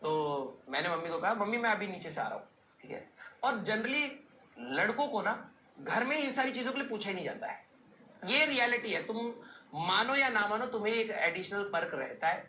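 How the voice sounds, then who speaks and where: A young man, a teacher telling his students a joking story from his school days in a lively, casual way. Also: high voice, moderate pace. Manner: lively, joking, mixes English phrases. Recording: roomy echo, faint background noise.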